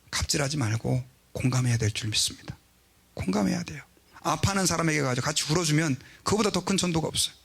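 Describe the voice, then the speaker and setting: A male pastor delivers a sermon in a relaxed, conversational way, often speaking straight to the congregation. His voice sits a little high and carries a gravelly edge.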